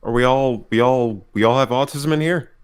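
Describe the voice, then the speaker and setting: A man's voice: mid-range voice, normal speed. A man hosting a casual podcast, giggling and stumbling over restarts as he talks.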